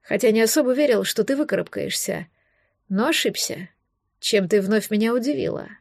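A woman's voice: mid-range voice, moderate pace, gravelly, a little mellow, no room sound. A woman voicing a mysterious sardonic man in an audiobook, speaking in a dry, musing, condescending way. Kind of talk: audiobook reading.

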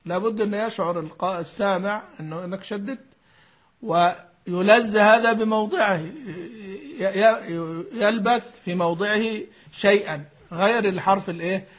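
A man's voice: high voice, normal speed. A man teaching the rules of Quran recitation, explaining a classical text patiently and asking his class questions as he goes. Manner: mixes formal and colloquial speech.

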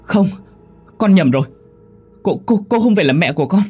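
A panicked young woman, played by a male narrator in a spoken horror story, shrieking high and loud. Her voice is frantic and strained, and she stammers in fear. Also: lively intonation, moderate pace, breathy edge, soft background music. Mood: terrified shouting. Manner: frantic, shouting. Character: terrified young woman, shouting at ghosts.

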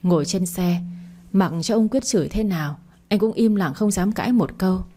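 A woman narrating a spoken drama story in a steady, even reading voice. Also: mid-range voice, a little fast, husky.

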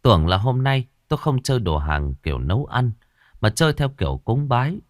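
A man narrating a ghost story in the first person, with lively storytelling. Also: medium pitch, fairly quick, dry recording, clean studio sound.

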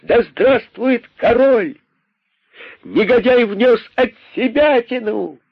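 A man voicing a shouting, indignant crowd of rabbits in a radio story reading. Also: slow pace, gravelly, husky, dry recording, full character voice. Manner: shouting, high-pitched. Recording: dull, dry radio recording.

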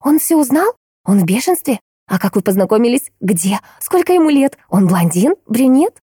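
A woman voicing an excitable, chatty teenage girl who squeals and fires off questions. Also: on the high side, slightly rough, dry recording, clean studio sound, voice pushed up, exaggerated voice. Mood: excited. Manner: squealing, rapid-fire questions. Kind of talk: audiobook character voice.

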